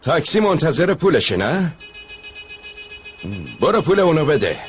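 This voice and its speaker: A stern, sarcastic middle-aged head of the house in a dubbed drama. His delivery rises and falls widely. Clear score music plays behind him. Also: fairly high pitch, big pitch swings. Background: background score music.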